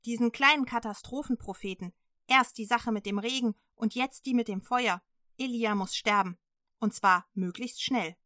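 A woman voicing an enraged, domineering queen who speaks in scornful, shrill outbursts. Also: moderate pace, sharp tone, no room sound, clean studio sound. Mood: furious scornful.

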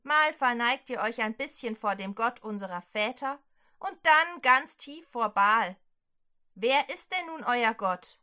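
A woman's voice: fairly high pitch, animated, unhurried, bright, forceful tone. A woman doing a stern commanding prophet. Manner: firm, scolding and commanding.

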